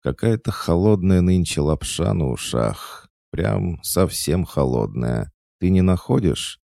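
A man's voice: low-pitched, animated, unhurried, gravelly, dark tone, no room sound, studio quality, voice pushed up, exaggerated voice. A man voicing a cheeky, sarcastic young witch in an audiobook, teasing and mocking. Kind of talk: audiobook character voice.

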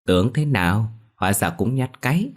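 A man's voice: lowish voice, sing-song, normal speed, voice pushed up. A man voicing a daring, mocking village boy in a spoken ghost story. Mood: taunting. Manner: defiant, mocking. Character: cheeky bold village boy, daring and taunting.

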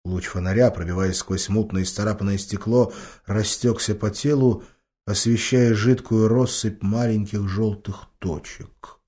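A man narrating an audiobook in measured, expressive storytelling. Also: fairly low pitch. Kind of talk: scripted narration.

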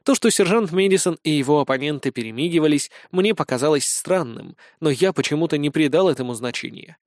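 A man reading a humorous first-person audiobook with a wry, deadpan delivery on a close mic. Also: a little high, fairly quick, no echo. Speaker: audiobook narrator.

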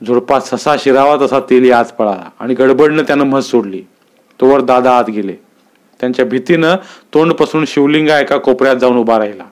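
Clear-voiced male storyteller. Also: mid-range voice, fairly quick. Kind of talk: literary narration.

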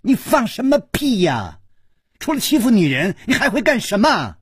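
A man doing a shrill hysterical young wife. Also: sing-song, fairly quick, warm tone, a little hiss or hum. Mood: shrill scolding. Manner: shrieking, scolding, wailing. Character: shrill, hysterical young married woman, spoiled swordswoman. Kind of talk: traditional storytelling.

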